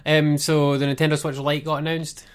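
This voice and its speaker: A man co-hosting a casual video game podcast, easygoing and a little hesitant, filling pauses with "um" and "like" and laughing along. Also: a little high, little pitch movement, smooth. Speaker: podcast co-host. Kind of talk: casual chat.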